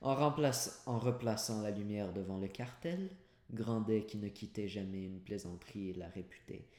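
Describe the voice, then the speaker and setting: A low-voiced man reads a classic novel aloud in one unedited take. He stumbles, corrects himself and drops casual asides. The room around him is echoey. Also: moderate pace, mellow. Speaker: audiobook reader and podcaster. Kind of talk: unedited audiobook reading. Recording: roomy echoey home recording.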